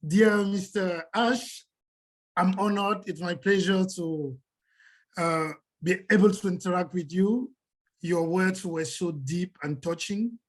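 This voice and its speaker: Slow, formal, respectful woman. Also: lowish voice. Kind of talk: polite, deferential thanks.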